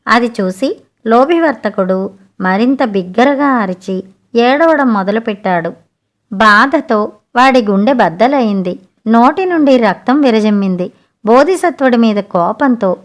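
A woman reading a fable aloud for an audiobook. Her voice is fairly high and her telling stays steady and even. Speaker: audiobook narrator. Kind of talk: storybook narration.

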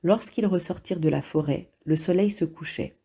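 A woman narrating an audiobook in a calm, measured, steady reading style. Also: on the low side, breathy edge. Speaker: audiobook reader.

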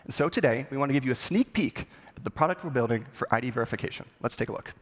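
A man's voice: mid-range voice, lively intonation, racing. A man in his thirties presenting a polished, scripted keynote on a conference stage. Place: large conference hall, on stage. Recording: long hall reverb.

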